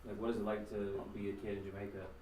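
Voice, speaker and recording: Flat, fast man asking from off-mic. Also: lowish voice. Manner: short, flat, off-mic questions. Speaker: interviewer. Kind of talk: casual interview questions. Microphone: off-mic, far from the microphone. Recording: echoey, distant, noisy room.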